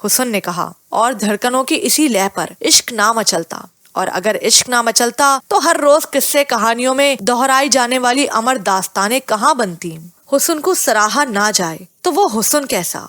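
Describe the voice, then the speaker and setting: A woman with a fairly high voice reads a novel as an audiobook narrator. She drops her voice lower for the quoted lines of an inner dialogue. The sound is dry and close, with no room around it. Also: hardly any pauses, fairly bright tone, dry recording.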